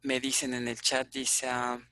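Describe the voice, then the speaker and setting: A man's voice: medium pitch, completely flat delivery, unhurried, bright, forceful tone, clean tone, no echo. A man with a Mexican Spanish accent teaching an online database class, explaining step by step and checking in with frequent "ok?" fillers.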